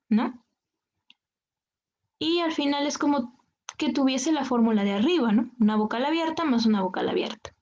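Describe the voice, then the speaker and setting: A woman teacher from Peru, with a Peruvian Spanish accent, patiently explains grammar to her students and checks in with "¿no?" after each point. Her fairly high voice is a little mellow, though the lo-fi recording sounds dull.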